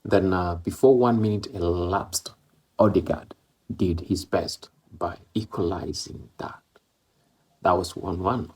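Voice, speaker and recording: Speaking slowly in a low, slightly mellow voice that's gravelly and husky, an East African man discusses a football match in English, his second language. He's a football vlogger whose first language is Swahili or Maloko. His talk is casual and rambling, with lots of fillers and repetition.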